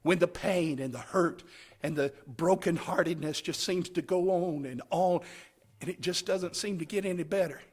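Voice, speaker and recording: A man preaching a camp meeting sermon in an emphatic, dramatic way, swinging between hushed phrases and loud cries and repeating short phrases for emphasis. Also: fairly high pitch, normal speed, slightly rough.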